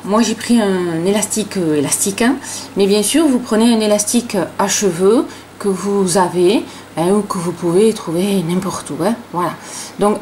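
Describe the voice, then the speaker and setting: A woman's voice: medium pitch, darkish tone, slight background noise. A middle-aged woman with a regional French accent, hosting a casual crochet tutorial and talking in a chatty way, full of fillers like "hein" and "voilà".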